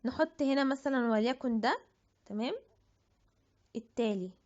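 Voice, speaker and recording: A woman's voice: fairly high pitch, moderate pace, darkish tone. A woman with an Egyptian Arabic accent giving a chatty app tutorial, thinking aloud and restarting her words. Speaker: tutorial presenter. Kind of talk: screen-recorded app tutorial. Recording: dull lo-fi audio.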